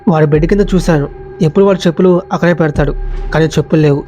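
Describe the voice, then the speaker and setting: A man's voice: fairly high pitch, steady tone, quick pace, mellow. A man telling a scripted first-person horror story in a tense, dramatic manner, as a voice-over. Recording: voice-over with background music.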